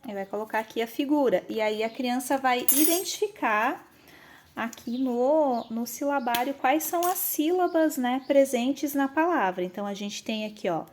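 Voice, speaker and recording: Brazilian woman, educator, casual phone demo; slightly high voice, walks through children's materials. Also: animated, darkish tone, a little hiss or hum. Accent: Brazilian Portuguese. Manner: explanatory, frequent tag questions, counts aloud slowly as for children. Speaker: educator showing teaching materials. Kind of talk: casual demonstration of classroom materials. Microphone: handheld phone camera, filming one-handed.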